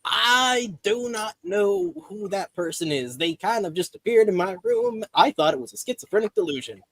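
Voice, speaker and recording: Guy doing a nervous stammering office boss, kinda high and dry sounding. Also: wildly swooping pitch, moderate pace, vocal fry, fairly bright tone, dry recording, full character voice. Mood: flustered. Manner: awkward, stammering. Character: flustered male office boss.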